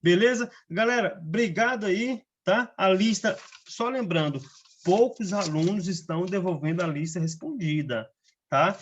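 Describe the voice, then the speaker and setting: A man's voice: high-pitched, normal speed, muffled recording, a little hiss or hum. A man with a Brazilian Portuguese accent, a teacher going over the answers in a casual remote lesson and checking in with his students all the time. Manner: chatty, keeps checking in with tags like "né?" and "beleza?".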